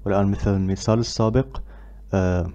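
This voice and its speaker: A man teaching English pronunciation, who repeats drill words loudly and pauses with filler sounds between phrases. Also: on the low side, steady tone, lo-fi sound. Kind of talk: pronunciation lesson.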